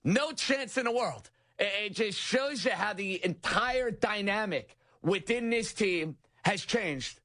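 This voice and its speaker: A young man hosting an overnight sports talk radio show, delivering an energetic, emphatic monologue. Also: sits high.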